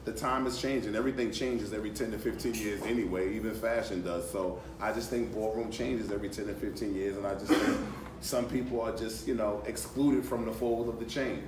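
A deep-voiced man in the audience speaks as a panelist in a hotel conference room, talking a little fast in a relaxed, conversational way and repeating phrases to drive his point home. He uses a handheld mic, but a phone camera across the room recorded him, so the audio is distant, echoey and noisy.

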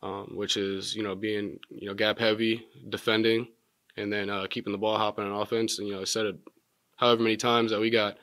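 A young man in his twenties, a college basketball player, answers postgame press questions in a measured way, filling pauses with many ums. His voice sits low and stays level, with little rise or fall. The sound is dry and close, from a table mic in a press room. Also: level tone, fairly bright tone, no echo. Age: 20s. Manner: measured, many filler words. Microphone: table mic in front.

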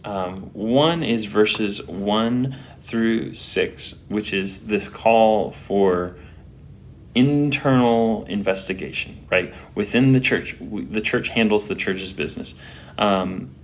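A man preaching a sermon as pastor, reading scripture and pressing home repeated rhetorical questions with emphasis. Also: fairly low pitch. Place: church. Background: faint air-conditioner hum.

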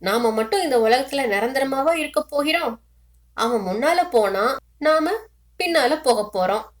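An older aunt, tearful and grieving, soothes a young widow in a storybook reading, voiced by a woman. She pleads and repeats the same gentle words again and again, her voice heavy with sorrow. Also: high voice, lively intonation, measured pace.

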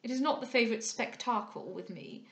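A woman performs a foppish male captain in an audiobook, his manner pompous, affected, and smug, with French words sprinkled throughout, as a dramatised character voice. She speaks briskly on the high side with a fairly bright tone, lightly acted, in a reverberant recording.

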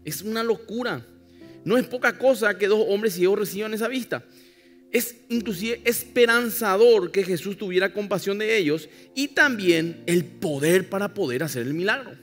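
A man's voice: sits high, moderate pace, a bit bright. Pastor guy preaching, wry asides to the church, faint music, echoey hall. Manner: emphatic preaching with wry irony and asides to the congregation. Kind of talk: sermon.

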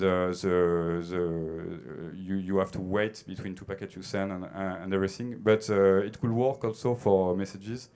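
A man with a French accent speaks into a handheld mic on a theater stage. His voice sits fairly low and sounds smooth and clear. He pauses and restarts often, filling gaps with hesitations as he answers questions. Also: darkish tone. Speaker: conference speaker. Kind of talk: conference Q&A answers.

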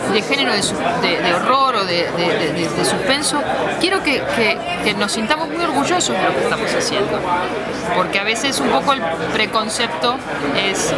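Woman talking over a loud crowd. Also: medium pitch. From Argentina. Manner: thoughtful, with many restarts and repeated words. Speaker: film festival programmer. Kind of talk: interview answers. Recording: loud crowd noise behind.

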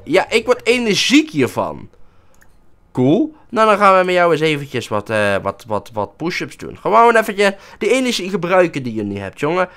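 Young male let's-player, playful and theatrical, fairly high, very lively pitch. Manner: playful, voices his character with mock emotional outbursts. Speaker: gaming YouTuber. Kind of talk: casual let's-play commentary.

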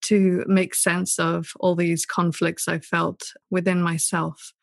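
Soft-spoken woman from southern africa, kinda flat and low-ish, dry close mic. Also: slow, vocal fry, no room sound. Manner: thoughtful, gentle, with many "sort of" hedges. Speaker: podcast guest, poet and author. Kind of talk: reflective interview answers.

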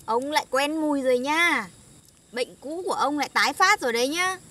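A woman's voice: high-pitched, a little fast, sharp tone. A young woman, acting in a comedy sketch in a bossy, teasing manner. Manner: bossy, teasing, laughing often. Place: outdoors in a field.

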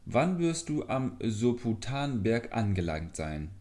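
A man's voice: mid-range voice, sing-song, takes it slowly, darkish tone. A man voicing a proud male deer in a fairy tale, mocking at first, humbled at the end. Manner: mocking, then breathless and apologetic.

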